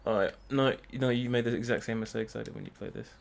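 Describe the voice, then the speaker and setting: A young man hosts a let's play, rambling casually through his commentary with dry jokes and asides. His gravelly voice is mid-range and steady in tone, and he talks at a quick pace.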